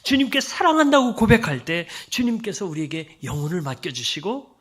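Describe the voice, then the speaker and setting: A pastor preaching a sermon in a church, swelling loud on quoted words and dropping to a whisper on others. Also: medium pitch, big pitch swings, fairly quick, breathy edge. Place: church sanctuary.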